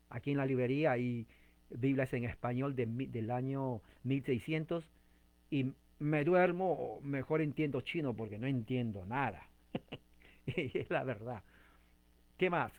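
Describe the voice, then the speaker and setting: A man's voice: mid-range voice, darkish tone. A man leading a conversational Bible study, chatty and informal, often putting direct questions to his listeners and restarting his sentences.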